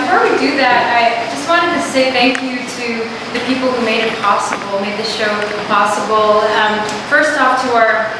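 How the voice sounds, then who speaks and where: A woman, the gallery director, giving chatty opening remarks at an art show with many fillers, thanking the people who helped. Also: on the high side. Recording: very echoey room, speaker far from the mic, clear noise.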